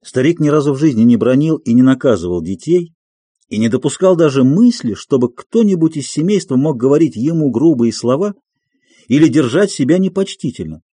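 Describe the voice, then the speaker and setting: A man reading a classic story aloud as an audiobook narrator, expressive and literary. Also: mid-range voice, a little fast, husky, no echo. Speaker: audiobook reader. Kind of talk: scripted narration.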